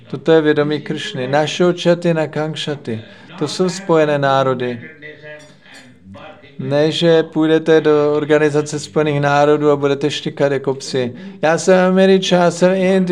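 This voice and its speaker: Guy giving a spiritual lecture, slightly high voice, measured preachy delivery, lots of repeated phrases. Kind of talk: religious lecture.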